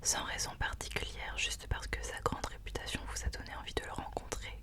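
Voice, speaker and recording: Hushed library whisper, ASMR book reader. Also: brisk. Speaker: ASMR host. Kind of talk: whispered ASMR book recommendations and reading aloud.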